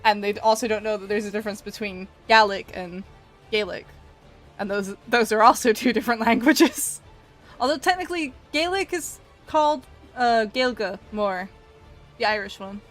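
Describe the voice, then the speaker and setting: A streamer from Edinburgh, Scotland, chats casually and giggles, her accent a mixed North American one leaning Canadian. Her voice is a little high and at normal speed, with background music playing behind it.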